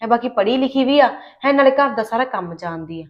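An actress playing a persuasive young daughter-in-law, speaking with a Punjabi accent. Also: female voice, a little high, expressive, fairly quick, lo-fi sound, lightly acted. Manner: eager, persuasive, drops to hushed tones. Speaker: young wife in a family drama. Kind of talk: Punjabi short film acting.

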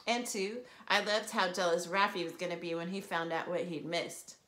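A woman teacher reading a children's novel aloud in a lively storytelling way, with a roomy echo. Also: on the low side, moderate pace.

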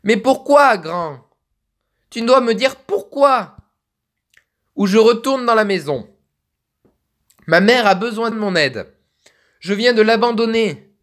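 A frightened teenage girl, pleading and anxious, her voice lifted higher, as a young man reads her part. She speaks up and pitch swings widely. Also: expressive, takes it slowly, pauses often, fairly bright tone, full character voice. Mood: scared.

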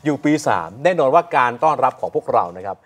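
A man's voice: medium pitch, lively intonation. A man hosting a studio talk show, chatty and teasing with a student audience. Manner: jokey, chatty, quick. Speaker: TV host.

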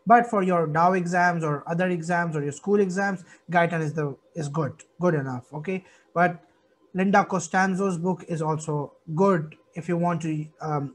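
A young adult man speaks in a noticeably high voice with a Pakistani accent. He is giving an informal online lesson as a student guide, explaining things plainly and punctuating his points with frequent little checks. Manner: repeats "okay" as a check, explanatory. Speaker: medical student giving study guidance.

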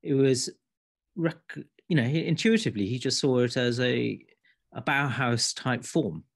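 A man speaks on a panel as an architecture principal, his voice sitting at an ordinary middle pitch. He talks in a halting way, breaking off and restarting his sentences. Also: gravelly. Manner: hesitant, many restarts. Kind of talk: panel discussion.

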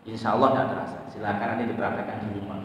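A man giving a morning sermon in a mosque, animated, acting out prayers and dialogues and swinging between loud and soft. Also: fairly low pitch, rapid-fire, recorded from a distance, slight background noise. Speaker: mosque preacher. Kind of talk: morning religious study sermon. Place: mosque hall. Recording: echoey mosque hall, mic from afar.

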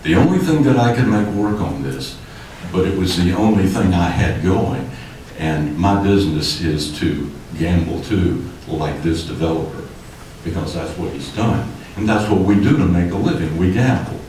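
Deep-voiced and a little mellow, an older developer gives animated public comment at a moderate pace from the podium of an indoor city commission chamber, gesturing emphatically as he grows heated. The podium mic is distant in the echoey hall, and there's a little hiss or hum.

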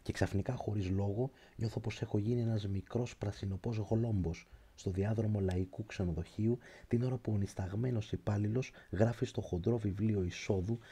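A man reading a literary prose audiobook in a slow, measured, reflective way. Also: fairly low pitch, mellow, breathy edge. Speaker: audiobook narrator.

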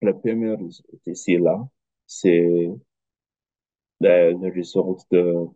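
A man with a foreign accent in French, a non-native speaker giving an academic presentation in halting, careful phrases over a video call. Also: sits low, fairly even intonation, dark tone, no echo, muffled recording. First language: not French. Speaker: researcher presenting a study.

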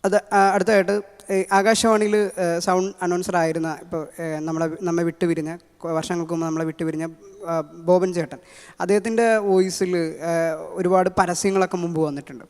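Quick Malayali man introducing impressions. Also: sits high, fairly even intonation, a little mellow. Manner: quick, with many fillers. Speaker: mimicry artist. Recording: long hall reverb.

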